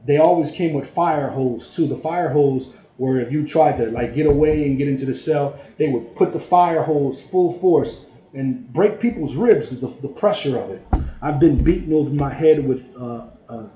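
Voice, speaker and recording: A man's voice: mid-range voice, warm tone. Streetwise middle-aged man telling his testimony. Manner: streetwise and casual, full of "you know" and "man". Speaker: former prisoner giving testimony. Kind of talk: personal testimony. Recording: roomy, echoey sound.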